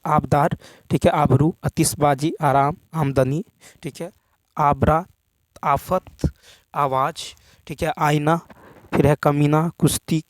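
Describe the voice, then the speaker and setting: A man's voice: on the high side, dry recording. A man teaching an exam-prep lesson, working through practice questions and repeating "thik hai" as he goes. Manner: repetitive, says "thik hai" often.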